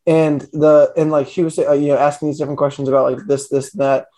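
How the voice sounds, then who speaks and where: A man's voice: on the high side, level tone, fast, mellow. Rambling man, podcast co-host. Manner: rambling, many fillers and restarts. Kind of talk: casual chat.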